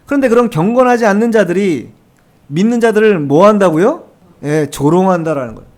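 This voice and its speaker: A male pastor delivers a Sunday sermon with a notably high voice. He drives his points home with rhetorical questions and repeated phrases, speaking to a congregation in a church. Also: animated, a little fast, a little mellow. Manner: emphatic, repeats key phrases. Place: church sanctuary.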